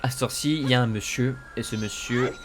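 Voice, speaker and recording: A man's voice: medium pitch, fairly even intonation, fast talker, background noise. A man casually commentating a video game for his viewers, hesitant and full of fillers. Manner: hesitant, many fillers, addresses viewers as "les gars". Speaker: gaming YouTuber. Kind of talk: casual let's play commentary.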